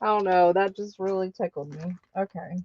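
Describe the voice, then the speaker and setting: A woman's voice: medium pitch, normal speed, dull audio. A woman hosting a live craft sale stream, chatting casually with viewers and laughing often.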